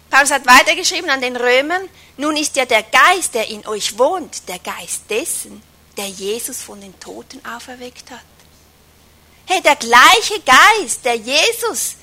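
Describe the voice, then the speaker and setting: A woman preaching a sermon with strong emphasis, swinging from loud stresses down to whispers and slowing on key phrases. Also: sits high, slightly rough. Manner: emphatic, varies loudness a lot, drops to a whisper at times.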